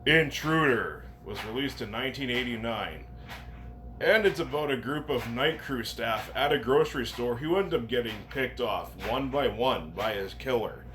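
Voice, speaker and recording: A man's voice: mid-range voice, expressive, moderate pace, fairly bright tone, faint music behind. A man giving a casual, enthusiastic movie review with some swearing. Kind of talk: casual film review to camera. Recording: noticeable background noise.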